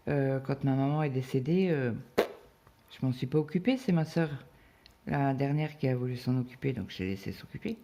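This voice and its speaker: A woman's voice: very deep voice, expressive, normal speed, warm tone, a little hiss or hum. A woman in her fifties chatting casually as she cross-stitches, telling stories with lots of hesitations and tag words, recorded on a phone. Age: 50s. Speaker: craft vlogger.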